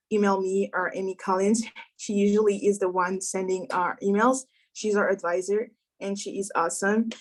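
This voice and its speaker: A young woman from the Democratic Republic of Congo opens a student event as its host. She speaks in a steady, mid-range voice with an earnest, welcoming tone and the odd filler, as if speaking on a video call. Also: mid-range voice. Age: young adult. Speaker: student government president hosting a panel. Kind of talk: formal welcome speech.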